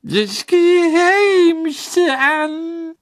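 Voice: extremely high pitch, lively intonation, extremely slow, pitched above the performer's own voice, full character voice. A drunk whimpering female elf. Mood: slurred whimpering. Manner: slurred whimpering, speaks of herself in third person. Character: drunk, tearful female house-elf, tiny and shrill. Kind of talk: audiobook character voice.

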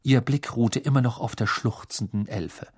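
Male storybook narrator, expressive and measured, a touch husky. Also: mid-range voice. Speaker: audiobook narrator.

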